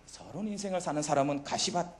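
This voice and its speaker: Animated high-pitched male preacher. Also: fast talker. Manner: animated, asks the congregation questions and answers them himself. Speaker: pastor. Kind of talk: youth worship sermon.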